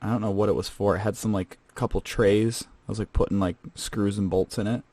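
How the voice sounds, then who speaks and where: This man hosts a comedic podcast in character as a male scavenger, rambling casually and chattily with lots of fillers. His voice is fairly low and warm, with fairly even intonation and a fairly quick pace. The recording is dry.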